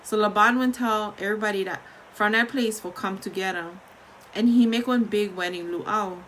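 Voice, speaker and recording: A woman's voice: mid-range voice, normal speed, a bit bright, slight background noise, rough recording. A woman with a Hawaiian Pidgin accent reading a story aloud in an informal, conversational way.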